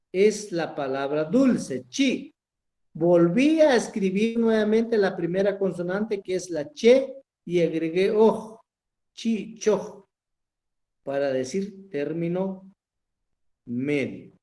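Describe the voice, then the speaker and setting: A man's voice: high voice, dark tone, roomy sound. A man teaching a language class, explaining step by step, repeating himself and checking that his students follow. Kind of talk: recorded online class lecture.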